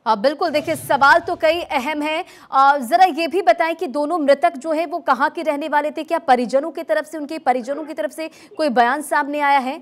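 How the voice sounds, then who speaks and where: Urgent high-voiced woman anchoring news. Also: moderate pace, few pauses. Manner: urgent, formal, probing questions.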